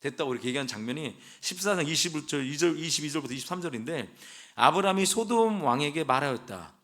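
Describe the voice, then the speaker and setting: A man's voice: fairly high pitch, animated, fast talker, a bit bright. A young adult man preaching a sermon as a pastor, talking in a conversational way, dropping into casual speech and acting out short quoted lines.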